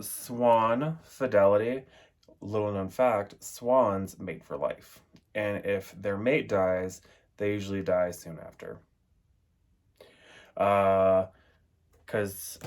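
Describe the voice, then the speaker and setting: Taking it slowly in a lowish, steady voice, a young vlogger reviews an oracle deck in casual chat. He rambles a lot, and "like" and "um" turn up again and again.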